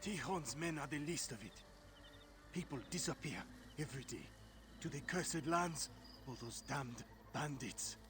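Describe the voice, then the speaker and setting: A weary male villager speaks bluntly and bitterly in a slightly high voice. It's a video game scene with music behind. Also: animated, measured pace.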